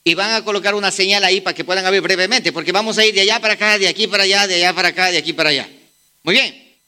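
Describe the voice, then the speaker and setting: In a sermon, a man with a clean, high and very bright voice that cuts through drives his points home. He fires repeated rhetorical questions at the congregation, speeding up and slowing down for emphasis.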